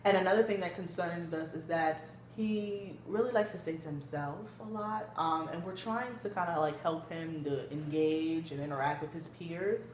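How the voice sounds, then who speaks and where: Woman playing a low-voiced, gentle, hesitant therapist, echoey room. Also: normal speed, natural voice. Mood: calm, concerned. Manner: hesitant, hedging with frequent kinda and you know. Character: gentle female therapist leading a family session. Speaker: student clinician in a role play. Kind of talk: amateur therapy role-play, conversational explaining. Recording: echoey room with background noise.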